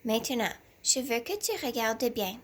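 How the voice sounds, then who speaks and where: A woman teacher giving a reading lesson to young children from home, speaking slowly and deliberately and sounding out syllables one by one. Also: a little high.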